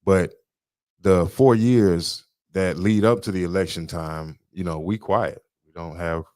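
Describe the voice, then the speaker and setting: A man's voice: deep voice, fairly even intonation, a little slow, darkish tone, dry recording, clean studio sound. A man co-hosting a podcast, lecturing in an emphatic way and repeating his points. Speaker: podcast co-host. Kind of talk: casual political talk.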